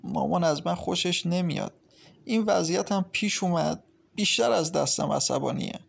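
A man voicing an anxious, queasy young pregnant wife who speaks softly and hesitantly in an audiobook. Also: high-pitched, vocal fry, voice pushed up, heavily acted. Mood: worried.

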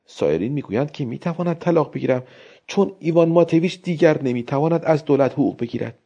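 A man reading an audiobook, voicing a fickle, self-absorbed young wife in a softer, quieter, fretful voice. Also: on the high side, lively intonation, husky. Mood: petulant. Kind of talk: audiobook character voice. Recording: dull lo-fi recording.

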